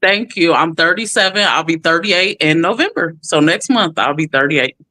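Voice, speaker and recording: A Californian woman in her thirties, a guest in an interview, tells her story candidly in a low-leaning voice at a moderate pace. She's expressive and animated, acting out quotes, and the recording has no echo.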